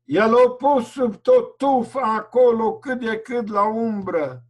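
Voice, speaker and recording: A man preaching a fervent sermon over a video call, breaking into loud outbursts and slowing down to draw out his phrases. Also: very high voice.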